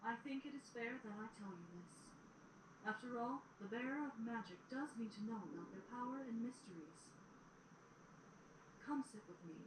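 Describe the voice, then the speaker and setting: Regal pony princess played by a woman: patient mentor, measured and formal, highish voice, audio drama with clear background noise. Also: expressive, lightly acted. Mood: gentle. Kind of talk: fan audio drama acting. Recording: roomy, distant, noisy playback of audio drama.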